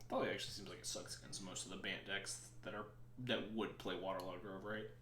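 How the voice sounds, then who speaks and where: A man's voice: low voice, fairly even intonation, fast, a bit bright, roomy sound, a little hiss or hum. A man streaming a card game, thinking aloud in rambling, sometimes sarcastic casual commentary.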